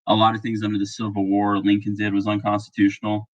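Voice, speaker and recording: A man who is sick, talking a bit monotone in a rambling, casual monologue full of fillers and restarts. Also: fairly low pitch, fast talker, dull audio. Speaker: political commentary vlogger.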